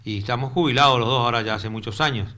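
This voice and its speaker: An older Argentine man with a Corrientes accent speaks as a TV interview guest. His voice is bright and forceful at a middle pitch, and he strings his memories together loosely, often repeating words before he finds the next one. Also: quick pace. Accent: Argentine Spanish, Corrientes. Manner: rambling, repeats words while searching for them. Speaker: retired teacher, interview guest. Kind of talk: casual interview. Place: local cable TV studio.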